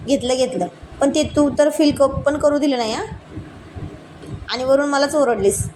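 A woman's voice: sits high, normal speed, dark tone, a little hiss or hum, pitched above the performer's own voice, lightly acted, low-quality recording. A woman voicing a playful young man in love, coaxing and teasing his girlfriend.

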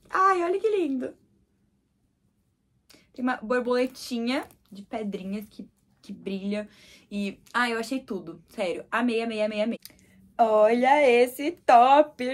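A young Brazilian woman, shivering from the cold, gushing over clothes in a casual haul vlog and repeating words for emphasis. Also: a little high. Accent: Brazilian Portuguese. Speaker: fashion vlogger.

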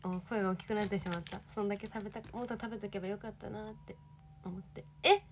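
A woman's voice: mid-range voice, fairly even intonation, fast talker, noisy background. A young woman in her twenties, an idol livestreaming, chatting casually and reading viewer comments with giggly, bubbly energy.

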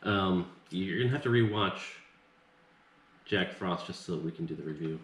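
A man's voice: low-pitched, moderate pace. A man in his forties talking casually as the co-host of a home film review. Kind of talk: casual chat. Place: open living and dining room at home. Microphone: camera mic a little way off on the table. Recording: echoey room, faint background noise.

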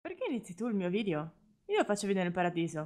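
Lively playful woman, pitch jumping around. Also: quick pace, no room sound, studio quality. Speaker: youtuber, plays the mother. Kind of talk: comedic game role-play.

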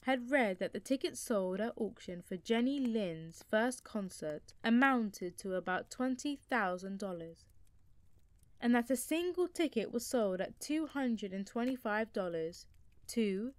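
A woman reading a classic nonfiction book aloud as an audiobook narrator, in a steady, measured way. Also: fairly high pitch, dry recording.

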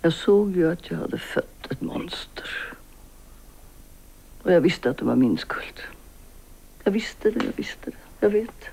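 An actress in her sixties playing a guilt-ridden older woman writer who makes a hushed, halting, often whispered confession in a TV drama. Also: deep voice, lively intonation, husky, exaggerated voice. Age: 60s. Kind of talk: 1990s Swedish TV drama acting.

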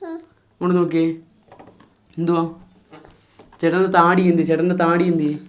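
A man's voice: fairly high pitch, level tone, unhurried. A man filming himself playing with a toddler, using coaxing, repetitive baby talk full of sing-song questions.

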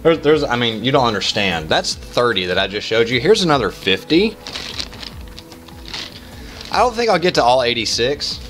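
A man in his thirties hosts a gaming challenge in a casual, halting way. His mid-range voice swings widely, jumping into exclamations and dropping into muttered asides. Faint music plays behind him as he talks from a small room. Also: medium pitch, very animated. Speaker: gaming video host. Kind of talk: casual challenge gameplay commentary.

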